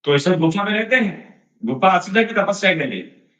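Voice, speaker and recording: High-pitched and animated, this male devotional speaker moves at a moderate pace with a fairly bright tone. His sermon unfolds as a casual story, sprinkled with English phrases and the odd laugh. It was captured in an echoey space and sounds distant and dull.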